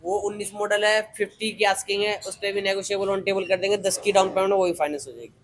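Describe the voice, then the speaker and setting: A young man giving a hard-sell pitch as a used scooter dealer, listing prices and deals. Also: steady tone, fast, a bit bright, a little hiss or hum. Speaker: used two-wheeler dealer. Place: tiled scooter showroom, indoors.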